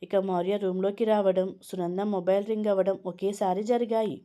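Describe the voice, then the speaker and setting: A woman narrating a storybook in a steady, expressive manner. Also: medium pitch, moderate pace, muffled recording.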